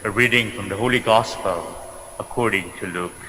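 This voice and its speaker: A man serving as priest, proclaiming a gospel reading in a slow, measured way, his voice ringing with a cathedral echo in a large church. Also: lowish voice, noisy background. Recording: long church reverb.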